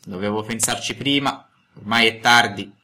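A man voicing a touchy, fatherly old male woodcarver in an audiobook, exclamatory and quick to take offense. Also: lowish voice, pushed and bright, a little hiss or hum. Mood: resigned. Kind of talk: audiobook character voice.

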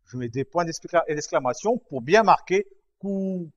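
A man teaching a writing lesson, slowly explaining each stroke, repeating himself and checking that his students follow. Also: on the high side, animated. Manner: patient, repeats and checks understanding. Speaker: language teacher. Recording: dull lo-fi recording.

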